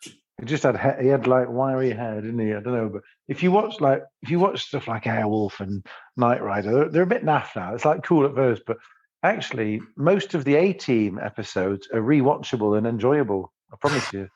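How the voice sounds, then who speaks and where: A man's voice: medium pitch, lively intonation, moderate pace, a little mellow. A man co-hosting a podcast in casual chat, hesitant and rambling with lots of ums. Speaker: podcast co-host. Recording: slightly dull, muffled sound.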